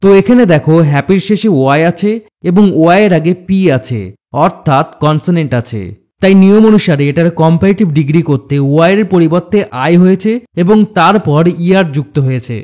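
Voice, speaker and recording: A male teacher with a voice pitched a little high walks through a grammar lesson. His delivery is steady and scripted, and he often slows down to repeat example words for the learner. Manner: steady, explanatory, addresses learner directly.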